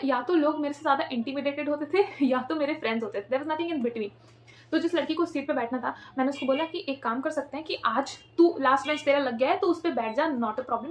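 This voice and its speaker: Young woman, high voice, lively storyteller mixing Hindi and English, acts out quotes. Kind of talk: casual storytime vlog.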